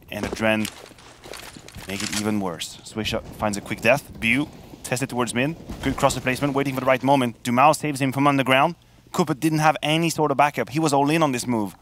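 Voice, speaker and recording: A man working as an esports caster, giving live commentary on a video game match. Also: mid-range voice. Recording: gunfire and game noise behind voice. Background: video game gunfire and clicks.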